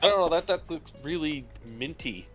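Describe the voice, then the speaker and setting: A man with a low voice rambling casually, like a streamer chatting. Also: lively intonation, normal speed, fairly bright tone, soft background music.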